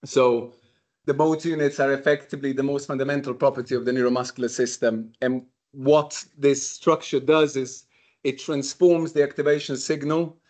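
A man in his thirties, originally from Slovenia, delivers a scientific lecture to a summer school audience. His voice sits at a middle pitch, and he talks in a loose, conversational way, often pausing with "um" and restarting his sentences. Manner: conversational, frequent ums and restarts. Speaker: university researcher giving a lecture. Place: lecture room.

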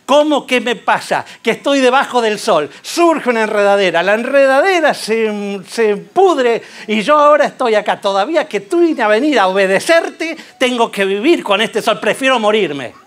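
A man's voice: high-pitched, normal speed, a bit bright. A man voicing the prophet Jonah as an angry, sulking adult man who complains indignantly.

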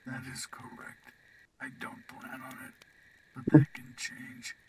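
An actor playing a cool, menacing masked captor in a video game, speaking slowly and deliberately in a breathy near-whisper. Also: male voice, mid-range voice, level tone, darkish tone, recorded from a distance, low-quality recording. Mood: cool menace. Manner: slow, deliberate, terse.

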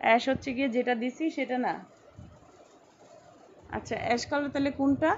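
A woman's voice: high-pitched, fairly even intonation, a little fast, a little mellow. A woman, selling clothes on a live stream, chatting and reading out buyer names. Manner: chatty, repeats sizes, reads out buyer names. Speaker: online clothing seller. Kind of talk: live-stream sales chat. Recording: dull lo-fi live stream with faint noise.

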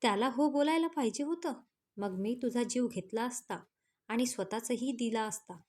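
A possessive, short-tempered young husband from a storybook romance, as a woman reader puts him on. He demands and scolds in a raised voice that sits a little high. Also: steady tone, normal speed, mellow, close to an everyday voice. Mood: angry.

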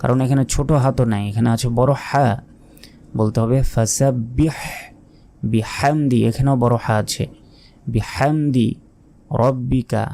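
A man teaching Quran recitation, spelling out each letter and vowel mark before sounding the word slowly. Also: mid-range voice, steady tone, mellow. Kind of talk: slow letter-by-letter recitation lesson.

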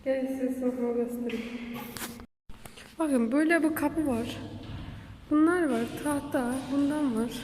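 A woman's voice: high-pitched, a little slow, long pauses, a little mellow. A woman vlogging her school day, chatting and rambling, her voice echoing around an empty classroom. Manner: chatty, rambling, giggly storytelling. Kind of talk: casual chatty vlog. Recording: roomy echo with long reverb, faint room noise.

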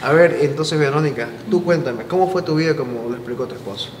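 A man's voice: on the high side, quick pace, reverberant, in a large hall, background noise. A man hosting a casual interview with a playful, chatty manner, asking questions in a studio. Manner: chatty, playful, gives many short backchannels. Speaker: interviewer and channel host. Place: studio with dark curtain backdrop.

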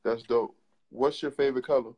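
A man's voice: mid-range voice, fairly even intonation, a little fast, a little mellow, slight background noise. A man hosting a casual video call chat, joking and teasing his callers with crude banter. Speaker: host.

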